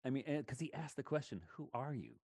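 A man's voice: mid-range voice, lively intonation, fast, a little mellow, no echo. A man who teaches college students, talking in a thoughtful, rambling way in a casual conversation and retelling scenes with enthusiasm. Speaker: college lecturer.

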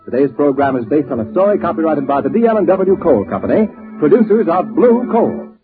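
A man's voice: a little high, very animated, brisk. An American man announcing in the dramatic, formal, scripted style of 1940s radio. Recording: muffled old radio recording, faint music behind.

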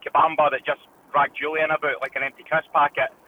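A man's voice: fairly high pitch, level tone, a little fast. A Scottish man calling in to a football radio show, opinionated and often saying "do you know what I mean". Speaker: caller. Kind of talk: casual phone-in chat. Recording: tinny phone line with faint noise.

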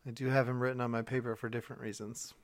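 A man's voice: medium pitch, level tone, racing, no room sound. Joking guy, dry close mic. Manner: joking, laughs often. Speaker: game player. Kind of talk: casual joking chat.

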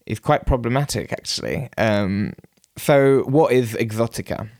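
A man co-hosting a podcast, telling a story in a relaxed, casual way with lots of ums and asides. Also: mid-range voice, a little slow. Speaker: podcast co-host.

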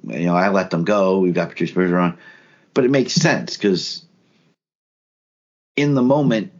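A man with a very low, deep voice co-hosts a casual sports podcast. He thinks out loud, restarting sentences and hammering points home. The sound is a little dull and lo-fi. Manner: thinks aloud with restarts, emphatic. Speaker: podcast co-host.

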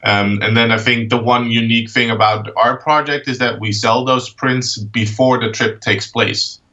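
Interview guest: Dutch man, 30s, bright voice, halting with fillers, far off a dull lo-fi mic. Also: medium pitch, steady tone. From Netherlands. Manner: halting, many fillers and restarts. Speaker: guest, art project founder. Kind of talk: casual interview.

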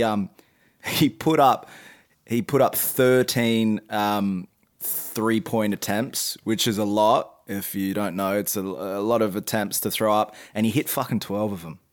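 A man with a somewhat low voice co-hosts a laid-back sports podcast. He talks haltingly, full of ums, while listing off points and rebounds. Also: steady tone. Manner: hesitant, many ums, reads out stats. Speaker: podcast co-host. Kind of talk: casual sports chat.

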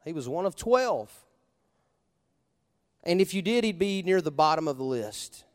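A male pastor preaching a sermon in a conversational style, asking the congregation questions and punching key words with sudden loud emphasis. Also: on the high side, very animated, measured pace, big-room sound.

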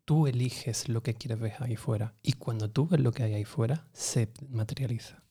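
Guy from telling his story, earnest and lively, mellow warm voice. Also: medium pitch, moderate pace, husky. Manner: earnest, lively, acts out dialogue. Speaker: interview guest. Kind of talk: animated personal storytelling.

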